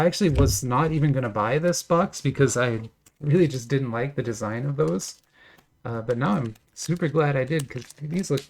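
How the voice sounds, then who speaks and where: A man's voice: mid-range voice, gravelly, darkish tone. A man casually talking through opening trading card packs, enthusiastic and chatty with lots of fillers and little laughs. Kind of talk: casual unboxing commentary.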